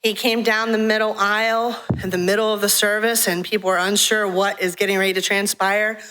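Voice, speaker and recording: A woman from a ministry giving a frank, animated testimony talk in a church, telling her story with laughs. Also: mid-range voice, brisk, slight background noise. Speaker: guest speaker from a ministry. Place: church sanctuary.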